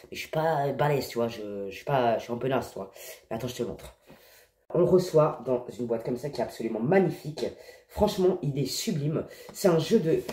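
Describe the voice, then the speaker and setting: A woman's voice: low-pitched, mellow. A young woman vlogging at home in a slangy, ranting, swearing style, sick with a cough. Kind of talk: casual chat to camera. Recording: noisy with clicking sounds.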